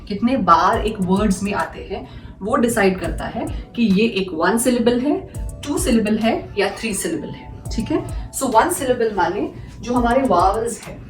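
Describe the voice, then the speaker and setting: Her voice sits on the higher side, expressive and a bit slow, as she runs a classroom-style grammar lesson. She patiently asks herself questions, answers them, and goes over examples again. The mic is distant, the room echoes, and faint music plays.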